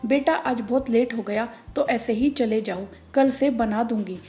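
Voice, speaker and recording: A woman voicing a busy, harried young mother and wife in a spoken story, hurried and tired. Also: on the high side, mellow, faint music behind, close to an everyday voice.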